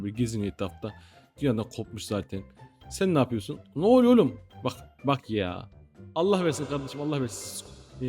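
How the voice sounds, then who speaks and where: A young man in casual, joking gameplay commentary, teasing the game characters and talking straight to his viewers. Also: medium pitch. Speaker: gaming YouTuber.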